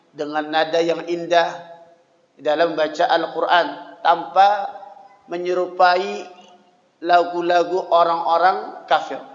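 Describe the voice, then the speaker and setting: A man teaching religion to a study circle in a chatty way, reading Arabic lines, explaining them and checking in with the audience. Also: high voice. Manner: reads Arabic lines then explains them, chants verses in between; conversational, with frequent "ya" checks to the audience. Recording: echoey hall with long reverb, dull lo-fi sound.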